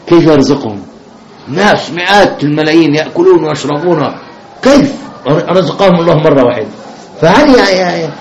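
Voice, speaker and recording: Male teacher, patient question-and-answer lesson, dull roomy recording. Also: fairly high pitch. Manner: repeats questions to the class, many fillers and restarts. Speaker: sheikh teaching new Muslims. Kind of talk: religious lesson. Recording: dull roomy classroom recording with faint noise.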